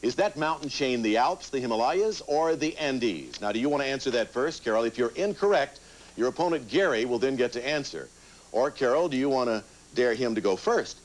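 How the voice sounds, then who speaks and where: A man's voice: mid-range voice, expressive, fairly quick. A man hosting a game show, talking conversationally to contestants and reading out questions. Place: television game show studio with audience. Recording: TV studio sound with audience noise.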